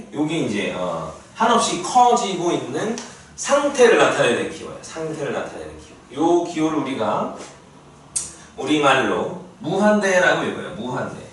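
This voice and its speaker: Lively male teacher in echoey classroom. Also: fairly high pitch. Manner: lively, asks students frequent check-in questions. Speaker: math teacher. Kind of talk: classroom math lecture. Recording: echoey classroom from far off, faint noise.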